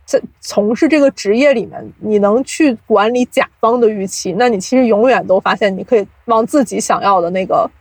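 An audio drama producer appears as a podcast guest, explaining things reflectively in a casual interview. Her mid-range voice runs a little fast with few pauses, and the recording is dry and rough.

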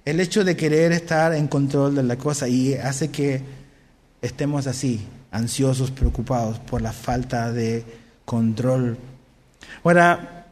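A man's voice: medium pitch, unhurried. A man preaching a sermon as pastor, conversational and often asking his listeners questions. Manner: conversational, asks the congregation questions. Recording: long hall reverb.

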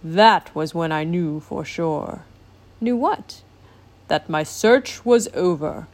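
Slow and commanding, the sea king booms in a deep voice that fills each word, performed by a woman reading from a storybook. This stern old ruler, accustomed to being obeyed, sounds stately, with lively intonation and a slightly mellow quality.

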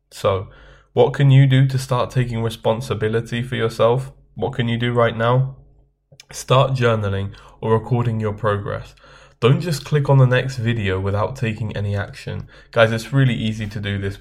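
A man hosting a self-help video, giving earnest, measured advice straight to his viewers. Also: on the low side, darkish tone. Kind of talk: scripted self-help talk to camera.

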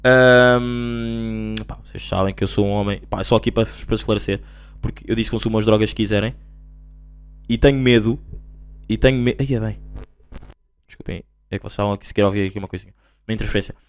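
A young man with a European Portuguese accent hosting a solo podcast, rambling and slangy as he tells stories in a casual, animated way. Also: lowish voice, quick pace, long pauses, clean tone. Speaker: podcast host.

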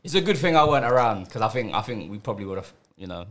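A man's voice: lowish voice, sing-song, quick pace, a bit bright. A man with a London roadman accent and slangy delivery, bantering casually as a football podcast co-host. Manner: roadman-style slang talk.

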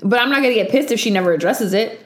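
A woman's voice: on the high side, rapid-fire. A woman co-hosting a casual pop-culture podcast, teasing and skeptical, pushing back with questions. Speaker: podcast co-host. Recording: echoey room.

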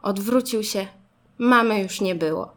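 A woman narrating a children's storybook in an expressive, lively way. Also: medium pitch, unhurried.

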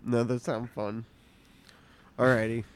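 A man's voice: mid-range voice, flat delivery, takes it slowly, a little hiss or hum. A man co-hosting a casual podcast, giggling and stumbling over his words. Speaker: podcast co-host.

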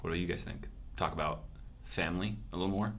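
A man's voice: low voice, fast. A man co-hosting a casual podcast, teasing and laughing with friends. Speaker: podcast co-host.

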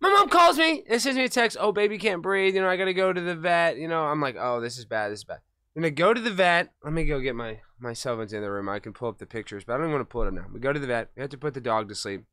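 A man hosting a casual livestream, rambling and profane, dramatically swinging between muttering and shouting. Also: medium pitch, sing-song, rapid-fire, dry recording, studio quality. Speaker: talk show host. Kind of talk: casual livestream rant and chat.

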